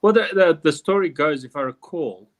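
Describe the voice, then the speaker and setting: A man's voice: on the high side, expressive, normal speed. A man, hosting a live online quiz in a chatty, rambling way with jokey asides. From South Africa. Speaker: quiz host. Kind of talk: casual live quiz chat.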